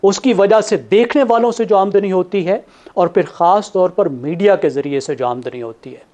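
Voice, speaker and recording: A man, a TV analyst laying out his points one by one in a measured way. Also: high voice, warm tone, muffled recording. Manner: measured, lists points in order. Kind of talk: studio analysis.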